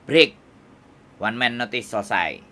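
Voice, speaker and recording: A Javanese-accented man who advises migrant workers talks slowly and expressively in a mid-range voice during a phone call with background noise. He delivers firm advice in a lecturing way and checks whether his listener understands.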